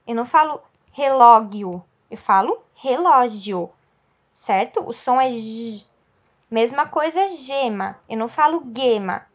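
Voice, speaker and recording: A woman teacher explaining a lesson patiently, checking in with her class and stretching out example words. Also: on the high side. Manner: slow, explanatory, checks in with "certo?" and "ok?".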